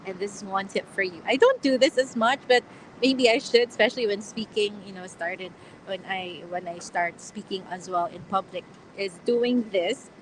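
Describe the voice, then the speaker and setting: A woman's voice: mid-range voice, normal speed, slight background noise, poor audio. Chatty laughing woman hosting a livestream. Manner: chatty, laughs often, many fillers. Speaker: livestream host. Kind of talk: casual live Q&A chat. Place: outdoors on a platform.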